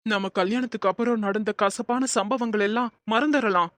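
A woman voicing a remorseful young husband in an animated cartoon, talking in an earnest, pleading way. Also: a little high, fairly quick, no echo, close to an everyday voice.

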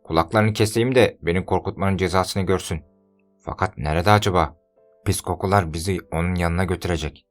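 A man's voice: low voice, brisk, soft background music, close to an everyday voice. Cowardly fool of a servant, whiny and spiteful, voiced by a male narrator in a raised register.

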